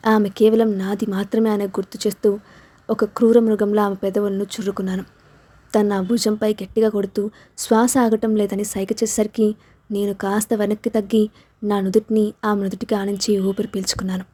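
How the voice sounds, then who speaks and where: A woman narrating a romance audio story in the first person, with dramatic, scripted storytelling. Her voice is warm and mellow at an ordinary pitch.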